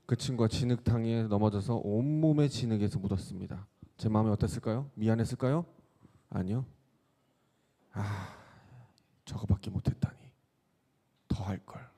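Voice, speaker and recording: A man's voice: lowish voice, mellow. A man pastor giving a sermon, telling a personal story and asking the congregation questions.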